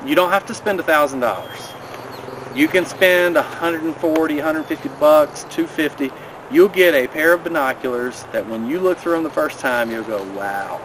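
A man in his thirties giving a casual, practical rundown of hiking gear outdoors by a river, filmed on a camera a few steps away. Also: medium pitch. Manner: friendly, practical, recommending. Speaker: vlogger. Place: outdoors by a river in a mountain valley. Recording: outdoor camera audio with clear background noise.

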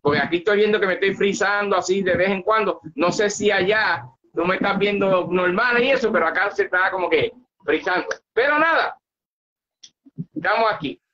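An older man with a Puerto Rican accent hosting a casual interview over a video call, chatty and quick to laugh. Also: high voice, bright, forceful tone. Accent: Puerto Rican Spanish. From Puerto Rico. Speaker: show host. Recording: muffled video-call audio.

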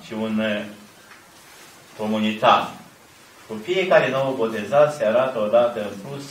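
An older priest reading a sermon from a lectern in measured, solemn phrases, with pauses between them. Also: male voice, mid-range voice, a bit bright, a little hiss or hum. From Romania. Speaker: archimandrite preaching. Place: large ornate church, indoors. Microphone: camera at a distance. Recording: echoey church heard from a distance.

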